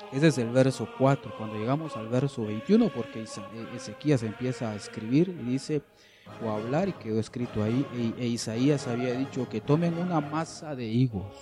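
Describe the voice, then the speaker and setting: A man preaching a sermon at a church service, slow and emphatic, repeating phrases and swinging between loud declarations and hushed pleading. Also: mid-range voice. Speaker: pastor.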